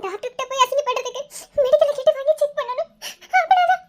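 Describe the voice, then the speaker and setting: A fast, very high-pitched voice for an anxious young college girl, as a woman voices her in a cartoon love story. She quips at her friend and begs strangers for help in a rush. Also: a bit bright. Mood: teasing. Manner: teasing with her friend, then pleading and tearful. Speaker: lead character in an animated love story. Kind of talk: Tamil cartoon voice acting.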